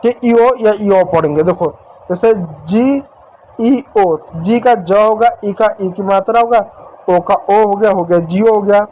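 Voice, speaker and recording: A man's voice: high voice, takes it slowly, dark tone, a little hiss or hum, poor audio. A male teacher giving a whiteboard spelling lesson, repeating himself and asking and answering his own questions. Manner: addresses viewers as dear children. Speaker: English teacher.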